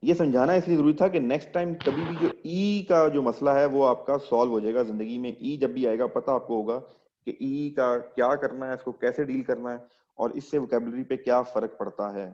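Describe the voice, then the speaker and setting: A man's voice: medium pitch, steady tone, moderate pace, darkish tone, muffled recording. A man teaching an English class online, explaining step by step and quizzing his students as he goes.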